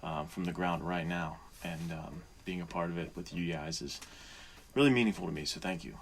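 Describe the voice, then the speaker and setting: This man's voice sits low and moves briskly as he co-hosts a casual podcast chat. He comes across as an earnest, appreciative friend, with faint noise in the background.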